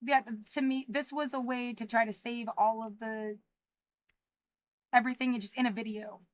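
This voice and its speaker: A woman in her thirties speaking in a livestreamed personal monologue, anxious and rambling, halting with frequent restarts. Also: on the high side, steady tone, no echo. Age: 30s.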